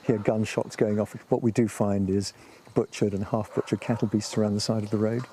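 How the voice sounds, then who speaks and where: A man's voice: on the low side, little pitch movement, brisk, mellow, a little hiss or hum. A man with a New Zealand accent, a farmer talking casually in an interview.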